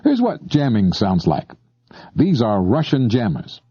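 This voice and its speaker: A man narrates an instructional tape with lively, varied intonation and a mellow, relaxed, slightly husky tone. His mid-range voice moves a little slowly on a dry, somewhat dull recording with no room sound. The scripted explanation is conversational and addressed directly to the listener.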